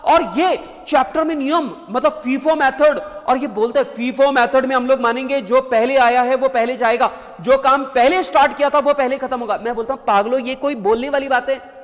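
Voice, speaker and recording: A man with a high voice lectures a class, joking and prodding the students to answer. The sound carries a long reverb, as in a big hall. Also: normal speed, few pauses. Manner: lively, joking, keeps asking the class to answer. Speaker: teacher.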